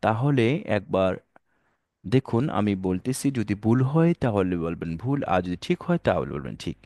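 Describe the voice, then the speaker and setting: A man's voice: fairly low pitch, sing-song, unhurried, darkish tone, no room sound. A man teaching an online Quran reading lesson, addressing viewers as dear brothers and sisters, mixing English words into his speech and calling out letters for them to repeat.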